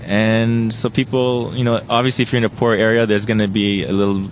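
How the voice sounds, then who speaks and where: Low-voiced earnest man. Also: little pitch movement, brisk, slight background noise. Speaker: interviewee. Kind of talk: casual interview talk.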